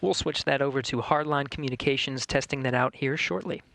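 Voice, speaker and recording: Mission commentator, close dry sound. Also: male voice, medium pitch, vocal fry, a bit bright, no echo. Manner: measured, explanatory. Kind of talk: live spaceflight commentary.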